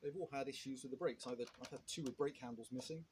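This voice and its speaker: A man's voice: medium pitch, fast talker, a little mellow, a little hiss or hum. A man casually reviewing a chainsaw outdoors, rambling along with fillers and restarts. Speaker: chainsaw vlogger.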